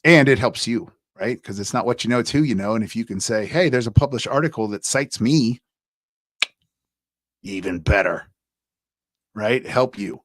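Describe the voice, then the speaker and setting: A man's voice: mid-range voice, moderate pace, pauses often, no room sound. Chatty male instructor, dry close sound. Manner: chatty, loose, many fillers and restarts. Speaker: college instructor. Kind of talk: casual livestream class talk.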